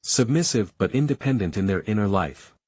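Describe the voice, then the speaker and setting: A man's voice: fairly low pitch, lively intonation, a little fast, noisy background. A man reading a historical parliamentary speech aloud in a declamatory, oratorical manner.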